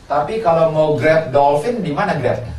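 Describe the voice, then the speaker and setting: A man's voice: fairly high pitch, animated, moderate pace, darkish tone. A man preaching a sermon, asking his congregation questions and answering them himself. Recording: roomy, from a distance, faint ambience.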